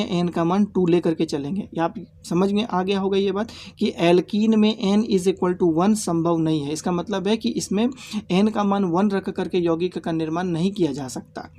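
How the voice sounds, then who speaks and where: Man, teacher, mellow dark tone, patient step-by-step explaining, repeats himself, tag questions. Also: high voice. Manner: repetitive, checks understanding with tag questions. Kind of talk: classroom lesson.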